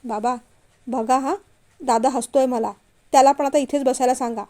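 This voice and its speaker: A childish young man from a storybook, sulky and pleading, forever begging to be let off, read by a woman. The voice is high and mellow. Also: fairly even intonation, moderate pace, lightly acted. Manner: pleading, whiny.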